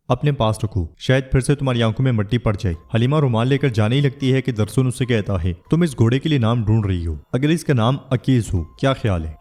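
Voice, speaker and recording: Man, narrator, warm mellow tone, scripted episode recap, steady storytelling, reads all dialogue himself. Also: mid-range voice. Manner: steady storytelling, reads every character's lines in his own voice.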